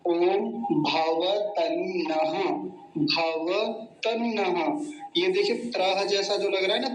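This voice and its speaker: A man teaching Sanskrit mantra pronunciation in an online class, reciting slowly syllable by syllable and correcting common mistakes. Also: high-pitched, reverberant, slight background noise, low-quality recording. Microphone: computer mic on a live online class.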